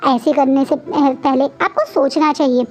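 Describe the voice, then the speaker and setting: Woman voicing a gentle, soft-spoken young man. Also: sits high, measured pace. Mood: gentle, coaxing.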